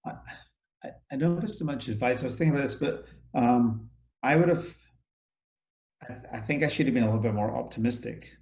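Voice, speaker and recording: A middle-aged Scottish man, the CEO of an outsourcing company, speaks as a guest in a casual interview, captured with a roomy sound. His medium-pitched, slightly mellow voice runs a little fast, and he talks thoughtfully with many restarts and fillers.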